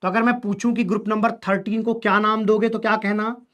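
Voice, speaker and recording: A man's voice: high-pitched, little pitch movement, fairly quick, a bit bright. A male chemistry teacher lecturing a class, drilling students with call-and-response questions in a colloquial, teasing way.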